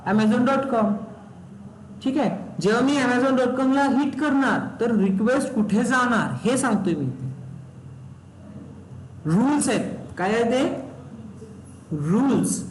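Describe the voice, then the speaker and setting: A man is teaching a technical class, his voice set high. He keeps quizzing the students and repeating the key terms. The room is echoey and a faint noise sits underneath. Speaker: instructor. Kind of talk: live technical class explanation. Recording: roomy echo, faint background noise.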